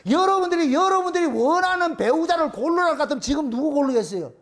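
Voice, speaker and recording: A middle-aged man, preaching a sermon as pastor, telling stories animatedly and dropping low to voice God's replies. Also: lively intonation, fast talker.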